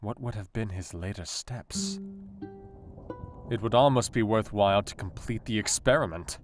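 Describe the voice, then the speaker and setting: Man acting Doctor Seward, low-voiced brooding Victorian doctor. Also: close to an everyday voice. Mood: measured, reflective. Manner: measured, brooding, formal diction. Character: brooding Victorian asylum doctor, melancholy and intellectual. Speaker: actor in an audio drama. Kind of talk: dramatic diary monologue, radio play. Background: guitar music.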